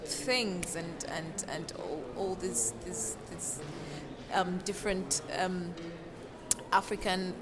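A young woman from Uganda, a student, answering an interviewer in a halting way, often repeating words. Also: fairly low pitch, heavy background noise. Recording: crowd chatter at a festival.

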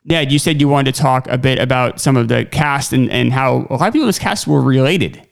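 A man's voice: medium pitch, fairly quick, vocal fry. A man hosting a podcast, talking in a rambling, chatty way full of "like" and "um", and reading his own sponsor spots. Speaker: podcast host. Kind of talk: casual film discussion.

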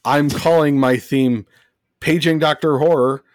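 A man co-hosting a casual podcast chat, wry and deadpan, who swears casually as he lays out his picks. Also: a little high, measured pace, no room sound. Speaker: podcast co-host.

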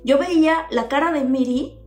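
A woman's voice: high voice, moderate pace, darkish tone, soft background music. A woman retelling a frightening night in casual chat, explaining details and acting out moments vividly. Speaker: guest telling a paranormal experience.

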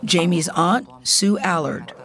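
A woman narrating a news feature in a measured, serious way. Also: lowish voice, fairly bright tone. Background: music bed.

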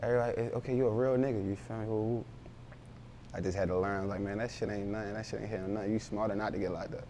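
Young man, very deep voice, monotone, mellow tone, rambling slang, faint rumble behind. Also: rapid-fire. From Baltimore, raised in Philadelphia. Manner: loose, rambling street slang. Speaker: rapper, interview guest. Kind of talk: casual interview talk.

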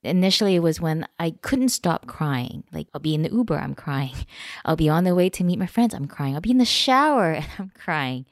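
A woman's voice: deep voice, animated, brisk, dry recording, studio quality. A woman podcast host, telling a candid personal story in casual conversation.

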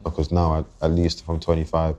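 A very deep-voiced young man from London talks through his thoughts as a podcast guest, his pitch staying level and even. He is reflective and halting, circling back and restarting sentences as he works out what he means. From England. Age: 20s. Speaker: guest rapper. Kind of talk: podcast interview.

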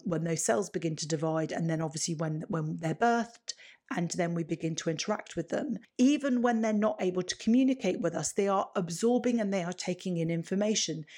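A woman's voice: on the low side, a little mellow. A woman hosting a solo podcast, explaining advice step by step and often rephrasing as she builds lists. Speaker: parenting podcast host.

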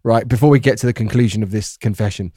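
A man's voice: on the low side, fast, mellow, no room sound, clean studio sound. A British man in his thirties co-hosting a podcast, telling rambling anecdotes and teasing in casual chat. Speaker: podcast co-host, former radio presenter.

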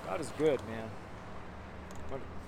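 A man in his seventies with a creaky, medium-pitched voice preaches at a normal speed on a city street among buildings. His informal sermon rambles, and he exclaims and repeats phrases for emphasis in a strong voice that carries. Traffic and street sounds are audible.

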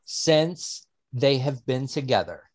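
A man co-hosting a casual podcast who tells stories slowly, full of ums and the odd curse. His voice sits at a middle pitch and is recorded dry and close. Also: animated, no room sound. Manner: drawn-out, hesitant with many fillers, swears. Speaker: podcast co-host. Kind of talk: casual chat, storytelling.

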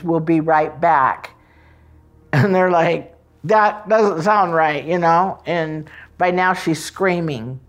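A woman speaks in an unhurried, plain manner with small fillers as she recounts a memory in an interview. Her voice sits a bit low. A faint bed of music plays behind her. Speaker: interviewee, mother recalling events. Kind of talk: personal recollection interview.

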